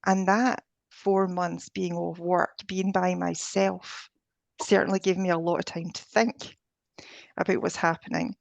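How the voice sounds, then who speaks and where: Scottish woman guest, low gravelly voice, dry close sound, chatty with fillers. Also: little pitch movement, a little slow, no echo, dull audio. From Scotland. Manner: chatty, with frequent fillers and restarts. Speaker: guest, ascension coach. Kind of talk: casual interview chat.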